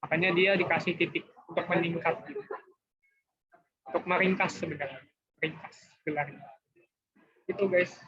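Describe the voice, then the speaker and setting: A fairly high-pitched young man explains grammar rules to students in a loose, chatty way. His keeps the lesson relaxed. The sound is dull and lo-fi, as over a video call. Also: normal speed, long pauses, breathy edge. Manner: chatty, informal, often says guys and gitu. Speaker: tutor. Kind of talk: casual online class explanation. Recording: dull lo-fi online class audio.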